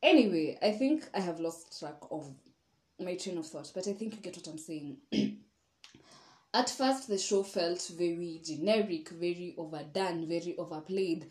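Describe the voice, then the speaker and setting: A woman hosting a casual podcast, talking at length in a frank, rambling way, full of sighs and side comments. Her voice sits a little low, and the room around her echoes noticeably. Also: expressive, normal speed, a little mellow. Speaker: podcast host. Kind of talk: casual solo review monologue.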